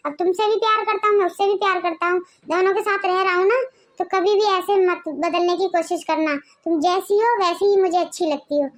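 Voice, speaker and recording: A put-upon husband in a homemade family skit, forever lecturing and soothing his two wives, played in a strikingly high, thin voice. He talks in a coaxing, preachy way. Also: steady tone, brisk. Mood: reassuring. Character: adult husband torn between two wives, placating. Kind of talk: amateur family skit acting.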